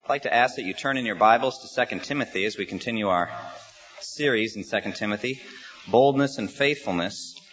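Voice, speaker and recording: An American man gives a Sunday sermon at a pulpit microphone in a church sanctuary. He speaks in an earnest, measured way, often pausing with "uh" as he builds his point. The recording sounds slightly muffled. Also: on the low side, fairly bright tone. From United States. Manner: earnest, measured, with frequent "uh" pauses. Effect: preaching into a pulpit microphone. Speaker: pastor.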